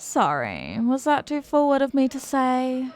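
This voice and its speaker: In an intimate roleplay, a woman voices a flirty, confident, playful stranger, teasing and sweet-talking coyly. Her high voice swings hugely in pitch at a measured pace, fully in character.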